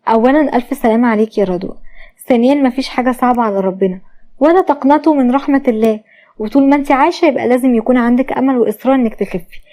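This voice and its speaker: Calm reassuring egyptian tv doctor, mellow and quick, woman storyteller doing him. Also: a little high, natural voice. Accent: Egyptian Arabic.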